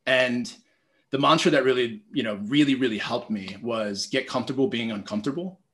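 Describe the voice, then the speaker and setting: A man in his thirties telling stories as a podcast guest, lively and conversational, acting out his own thoughts with lots of "like". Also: mid-range voice, fairly quick. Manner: animated, storytelling, acts out quoted thoughts, heavy use of "like". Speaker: podcast guest, public speaking teacher. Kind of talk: casual conversational interview.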